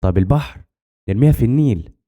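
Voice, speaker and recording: A man's voice: mid-range voice, animated, very fast, warm tone, natural voice. A man voicing the narrator's frightened young male friend, who asks tense, urgent questions in a slightly raised voice. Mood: anxious.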